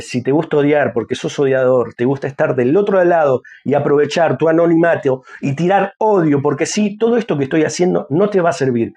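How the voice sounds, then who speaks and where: A man's voice: on the high side, darkish tone. A man with an Argentine Spanish accent, casually commenting on a music video and talking straight to his viewers. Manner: chatty, talks to viewers, hums and sings snippets. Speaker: music reaction youtuber. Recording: faint music playing behind.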